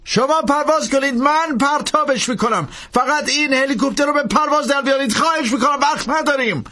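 A man's voice: very high-pitched, voice pushed up. A man doing a frantic, pleading professor. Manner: shouting, pleading, breathless urgency. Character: urgent American professor, adult man, desperate.

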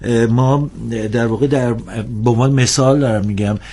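A man speaking as a guest on a televised discussion show, earnest and critical, pausing often with drawn-out filler sounds. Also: mid-range voice, dark tone. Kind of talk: TV panel discussion.

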